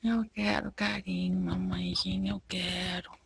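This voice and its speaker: A woman's voice: fairly high pitch, expressive, slow, creaky, breathy edge, full character voice. Woman putting on a whiny, cuddle-hungry pet dog. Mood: whiny pleading. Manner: whiny, pleading baby voice. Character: pampered female pet dog, greedy for cuddles.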